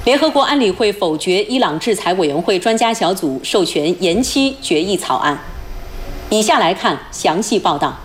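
A female news anchor with a mid-pitched voice and wide intonation reads headlines formally. Her standard Mainland Mandarin is precise, with faint noise behind it. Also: expressive, moderate pace. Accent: standard Mainland Chinese Mandarin. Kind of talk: formal scripted news reading.

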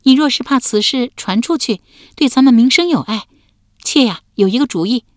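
A sly, bold young wife, voiced by a woman narrator with a high, lilting, coy voice. She is sharp-tongued and spells out her schemes with calm confidence. The recording is close and dry. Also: normal speed, dry recording, natural voice. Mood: scheming.

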